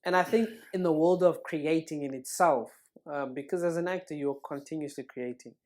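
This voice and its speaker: A man's voice: a little high, normal speed, a little mellow. Laid-back joking man. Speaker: podcast co-host. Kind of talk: casual chat.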